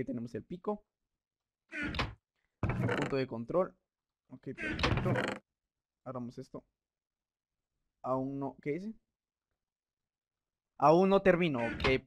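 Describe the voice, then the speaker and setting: A young man with a Mexican accent doing excitable, swear-filled gameplay commentary, reading in-game signs aloud. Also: fairly high pitch. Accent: Mexican Spanish. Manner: excitable, swears, yells when startled.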